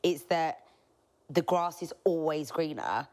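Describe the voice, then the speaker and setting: A woman, hosting a podcast and chatting in an expressive, jokey, dramatic way. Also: sits low, slow pace. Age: 20s. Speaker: podcast host. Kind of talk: casual chat.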